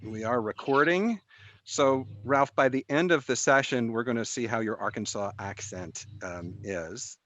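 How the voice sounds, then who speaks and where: A man hosting and presenting informally to a small group, often halting as he searches for his words. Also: medium pitch, fairly bright tone, slight background noise. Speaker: session host and presenter.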